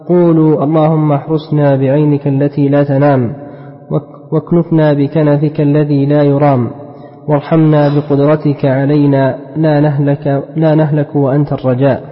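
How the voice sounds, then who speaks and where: A man's voice: a little high, level tone, brisk. A man reading a classical text aloud to his teacher, repeating phrases when he is asked. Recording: dull lo-fi sound in a reverberant hall.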